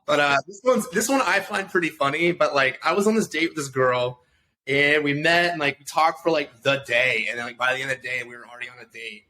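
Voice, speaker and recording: A man's voice: a little high, fairly quick, sharp tone. A man in his thirties, a podcast guest telling stories in loose, profane, rambling casual chat full of fillers. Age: 30s.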